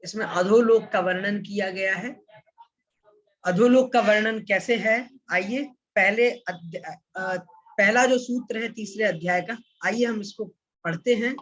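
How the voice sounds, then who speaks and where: A man with a fairly high voice leads an online scripture class. He recites each Sanskrit term very slowly, breaking it down syllable by syllable and going over it again. The recording sounds muffled and lo-fi. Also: a bit bright. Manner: slow, deliberate recitation, repeating Sanskrit terms syllable by syllable. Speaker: scripture teacher. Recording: dull lo-fi recording.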